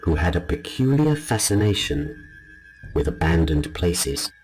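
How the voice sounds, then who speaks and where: A man narrating a scripted scary story as a storyteller, in a low, haunting and ominous delivery. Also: sing-song, a little slow, darkish tone, slightly rough, low-quality recording. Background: music behind the voice.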